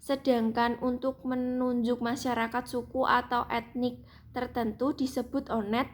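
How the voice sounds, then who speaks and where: A young woman, a student presenter, reads her seminar paper aloud in a fairly high voice. Her reading pace is steady, even, and unhurried, and now and then she restarts a word.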